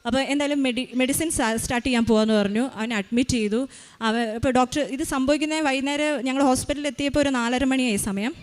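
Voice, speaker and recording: Fast-talking mother, tense retelling. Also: high-pitched, steady tone. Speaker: mother giving a faith testimony. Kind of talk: emotional personal testimony.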